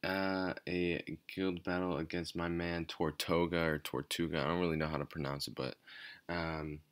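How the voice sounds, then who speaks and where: A man giving casual, off-the-cuff game commentary in a quiet, low-energy, hesitant and rambling way. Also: flat delivery, moderate pace. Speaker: gaming channel host. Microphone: speaking away from the mic at times.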